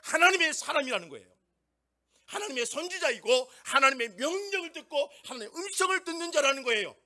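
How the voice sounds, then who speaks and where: A middle-aged male pastor preaches in a high, bright, forceful voice. He is emphatic and keeps pulling in his listeners with questions. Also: very animated, fast. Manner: emphatic, asks the congregation rhetorical questions. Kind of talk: sermon.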